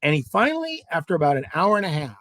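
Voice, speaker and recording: A man from Southern California, a guest angler, telling a fishing story in an animated way, with many restarts and asides. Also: fairly high pitch, fast, dry recording, studio quality.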